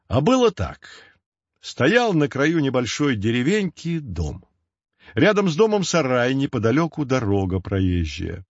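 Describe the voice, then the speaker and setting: A man narrates a children's fairy tale in a lively storytelling voice at a middle pitch. The recording is dull, with muffled highs. It sounds dry, with no room echo.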